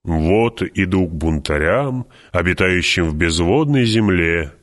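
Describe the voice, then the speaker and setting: A man's voice: sits low, animated, unhurried. A man reading an audiobook, voicing a wry warrior who recites quotations in a sing-song way.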